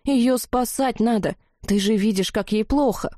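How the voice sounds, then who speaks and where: A brash young redhead witch, loud and high, waving things off and taking charge, as a woman reader voices her in a fantasy storybook. The pitch sits well above her own; the close sound is dry. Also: unhurried, no room sound, natural voice. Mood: bossy. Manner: lively and dismissive. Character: fiery redheaded young witch, bold and bossy.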